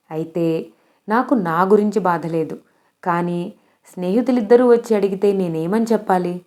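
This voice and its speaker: A woman's voice: mid-range voice, darkish tone. A woman narrating a bedtime story, reading expressively and giving the characters' quoted lines their own tone.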